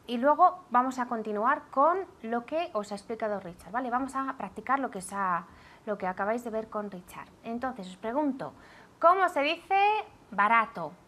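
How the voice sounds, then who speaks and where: A woman teaching a language lesson, drilling pronunciation clearly and checking in with her student often. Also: on the high side, expressive, normal speed, a bit bright. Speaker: English teacher.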